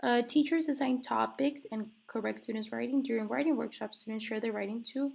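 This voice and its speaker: A woman recovering from an illness presents a textbook chapter for class, reading slides and explaining them informally with many fillers, with an occasional cough. She talks a little fast, and her slightly high, slightly mellow voice carries a gravelly fry.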